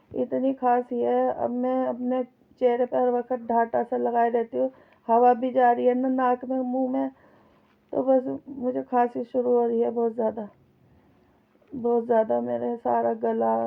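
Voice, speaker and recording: Woman w a cough chatting away while making rotis, kinda highish and really monotone. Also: vocal fry. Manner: chatty, complaining, talks straight to viewers. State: sore throat with a cough. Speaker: home vlogger. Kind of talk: casual vlog chatter while cooking. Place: home kitchen. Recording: tinny phone-like sound.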